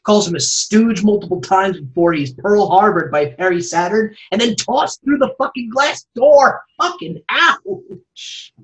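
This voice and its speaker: Man, podcast co-host, casual chat, wry dry humor, lively pitch. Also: measured pace, few pauses, low-quality recording.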